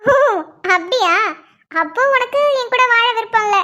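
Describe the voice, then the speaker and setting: A woman's voice: extremely high pitch, normal speed, bright, forceful tone, dull audio. A woman voicing a young cartoon girlfriend who teases and nags, twisting every reply into a complaint. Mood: teasing complaint. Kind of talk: cartoon voice acting.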